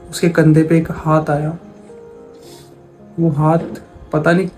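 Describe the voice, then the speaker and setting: A man's voice: fairly high pitch, darkish tone. A man telling a spooky story in a casual, conversational way, repeating phrases as he goes. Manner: retells dialogue in plain conversational voice, repeats phrases. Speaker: horror storyteller.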